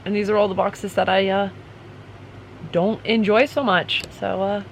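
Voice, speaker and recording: Sounding unimpressed, a woman reviewing books chats casually and ramblingly in a reading vlog, her medium-pitched voice flat and measured in pace. The low-quality recording has the noise of a running fan behind her voice.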